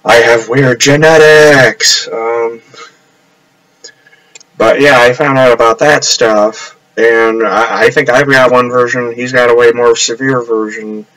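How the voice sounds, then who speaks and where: A man's voice: medium pitch, steady tone, measured pace, a bit bright, low-quality recording. A man rambling casually on a live stream from his upstairs apartment, trailing off and restarting often.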